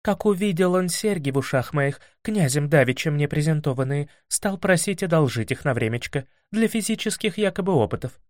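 A shrewd, stern princess from a storybook, calm and commanding as she lectures the hero, as a male narrator puts her on. Her voice sits fairly high and swings about, and the read is dry and close. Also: a little fast, few pauses, no room sound, close to an everyday voice. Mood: recounting. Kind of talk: audiobook character voice.

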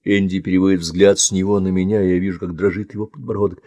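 A man's voice: low voice, level tone, fast, dark tone, dry recording, studio quality. A man narrating a novel in the first person with a tense, emotive delivery. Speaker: audiobook narrator.

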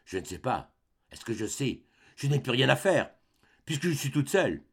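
A man reading aloud, voicing a broken middle-aged mother who speaks low, slow and grave. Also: very animated, slightly rough, full character voice. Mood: despairing. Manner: low, quiet and heavy, with slow grave phrasing.

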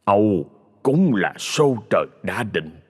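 A man voicing a grave, weary old male exorcist who speaks slowly and solemnly. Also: fairly low pitch, very animated, darkish tone, slightly rough, in a large hall, full character voice.

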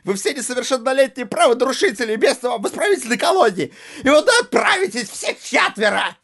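A man's voice: very high-pitched, expressive, a little fast, gravelly, fairly bright tone, pitched above the performer's own voice, exaggerated voice. A man voicing a spiteful, taunting middle-aged junkyard owner in an audiobook, sneering as he jeers. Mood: jeering. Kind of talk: audiobook character voice.

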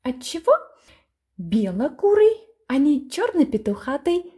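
A woman voicing a cheeky, stubborn schoolboy who pesters with high, wheedling nonsense questions. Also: very animated, measured pace, warm tone.

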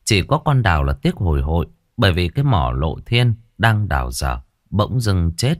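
A man narrating a ghost story in an expressive, dramatic storytelling manner. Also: low-pitched, moderate pace, no echo, clean studio sound.

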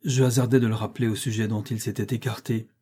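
A man narrating a classic novel as an audiobook, with a measured, even reading. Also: on the low side, slightly rough.

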